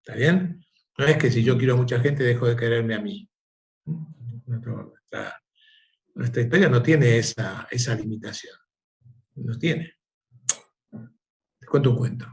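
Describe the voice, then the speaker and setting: A man, the guest of an interview, telling a parable and reflecting in an animated, conversational way. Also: medium pitch, a little slow, long pauses. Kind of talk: conversational storytelling.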